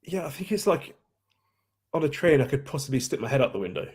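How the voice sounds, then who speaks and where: A man's voice: fairly high pitch, big pitch swings, fast, a little mellow, breathy edge. A man, chatting casually as a guest and often restarting his sentences. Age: 20s. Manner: hesitant, many restarts and fillers. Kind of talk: casual chat.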